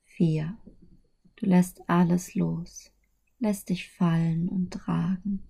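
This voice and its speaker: A woman narrating a guided sleep meditation in a soft, breathy, soothing voice that is often hushed close to a whisper. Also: lowish voice, level tone, slow.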